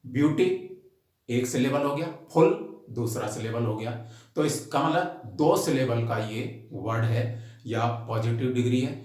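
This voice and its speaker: Male grammar tutor, slow and methodical, spells words out, very echoey room. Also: medium pitch, a little mellow. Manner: slow and deliberate, spells words out letter by letter and repeats each rule; addresses the class directly as students. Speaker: English grammar teacher. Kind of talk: recorded grammar lesson.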